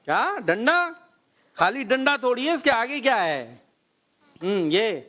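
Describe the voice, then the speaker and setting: Brisk man hosting a children's quiz. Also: very high-pitched, sing-song, bright, forceful tone. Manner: brisk, coaxing, cheering right answers. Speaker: host of a children's program.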